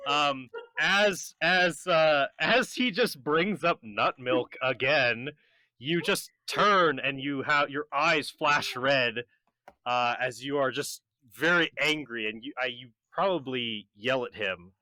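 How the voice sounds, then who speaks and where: A man running a tabletop game as game master, narrating haltingly with many fillers and laughs. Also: mid-range voice, pushed and bright, no room sound.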